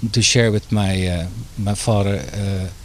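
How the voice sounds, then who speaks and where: Speaking a bit slowly in a lower, steady voice, the middle-aged Dutch author and physician answers as an interview guest. His delivery is tentative, with frequent fillers and restarts, and some slight background noise.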